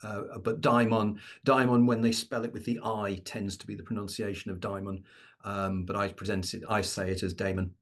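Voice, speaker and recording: A man being interviewed as an author, speaking in an animated, self-deprecating way. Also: lowish voice, a little fast, hardly any pauses. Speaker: author and podcast guest. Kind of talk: casual interview chat.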